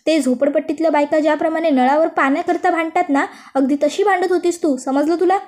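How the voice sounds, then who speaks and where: An exasperated young husband telling off his wife, as a woman narrator puts him on. The voice stays high and rises further as he scolds. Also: fairly even intonation, fast, darkish tone, lightly acted. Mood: scolding.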